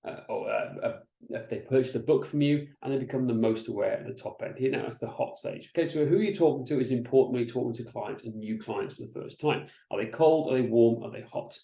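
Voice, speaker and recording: This man from Wales, a native Welsh speaker, is a business coach running a webinar, talking through slides in an online masterclass. His voice is warm and low-key yet fast, with vocal fry; he's energetic and chatty, restarts often, keeps asking "right?", and sounds like he's in an echoey room.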